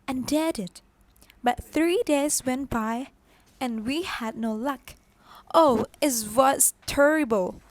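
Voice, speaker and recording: Woman doing a bratty spoiled rich girl, thai accent, high voice, slow, dry close sound. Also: no room sound. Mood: boastful. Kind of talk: student stage play.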